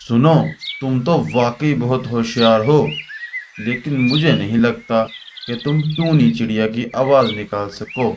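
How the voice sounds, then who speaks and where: Guy doing a sly eagle bad guy for a cartoon, coaxing and bossy, loud birds chirping behind. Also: medium pitch, unhurried, noisy background, close to an everyday voice. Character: scheming, flattering male eagle villain hunting baby birds. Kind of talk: Hindi cartoon voice acting. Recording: constant birdsong and clicks behind voice.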